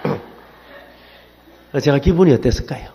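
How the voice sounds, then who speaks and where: Lively Gyeongsang pastor preaching in a reverberant church. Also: male voice, a little high, moderate pace, muffled recording, a little hiss or hum. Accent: Gyeongsang Korean. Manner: animated storytelling, calls on the congregation to repeat. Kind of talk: sermon. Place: church sanctuary. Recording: long reverb in a church hall.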